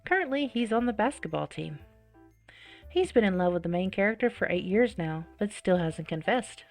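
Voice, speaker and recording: Playing through a visual novel, a woman reads the text aloud at normal speed in a mid-range voice. Her delivery is dramatic and expressive, broken up by her own reactions, and faint game music sits in the background.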